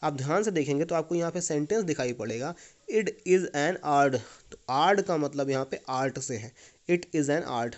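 Indian man, english teacher, patient lesson delivery, fairly high voice. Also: expressive, normal speed. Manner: explains patiently, repeats points with "ठीक है". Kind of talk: classroom lesson video.

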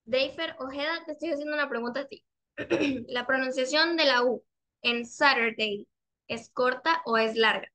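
Teaching English over a video call, a young woman speaks in a high, bright voice. Patient throughout, she asks her questions more than once and draws out every example word slowly for her learners' benefit.

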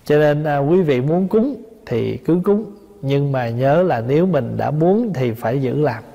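A man's voice: a little high, lively intonation, measured pace, gravelly, dark tone. A man, a Buddhist monk, giving a dharma talk, explaining patiently and asking listeners rhetorical questions. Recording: long hall reverb.

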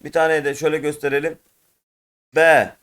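A man who speaks Turkish natively, teaching an Arabic lesson and drilling letter sounds in loud repeated pairs. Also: fairly high pitch, flat delivery, moderate pace. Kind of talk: classroom lesson.

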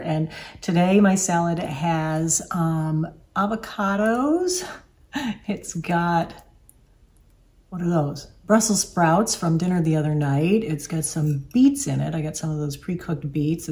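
Middle-aged woman, low voice, chatty, confiding, casual home vlog, lots of fillers. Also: a little mellow. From northeastern United States. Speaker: vlogger.

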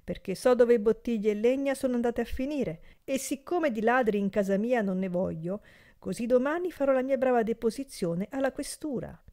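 Woman doing a ironic heartless landlord, cold precise speech, mellow dark tone, audiobook villain. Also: a little high, normal speed, pitched above the performer's own voice, close to an everyday voice. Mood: menacing.

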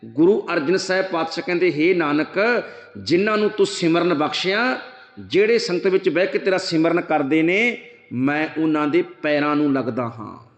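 A man with a Punjabi accent giving a sermon to a congregation, earnestly explaining and chanting scripture slowly. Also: fairly high pitch, dull audio. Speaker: Sikh preacher giving katha. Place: gurdwara hall with congregation. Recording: echoey hall reverb.

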